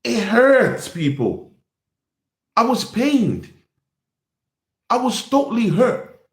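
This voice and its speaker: A young man from Nigeria hosting a football channel in casual live-stream chat, animated and repetitive, calling his viewers "people". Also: very high-pitched, slow pace, reverberant.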